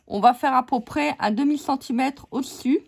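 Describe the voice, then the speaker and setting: A woman's voice: high-pitched, moderate pace, creaky, a little mellow. A woman hosting a casual card-making tutorial, joking and teasing her viewers as she works.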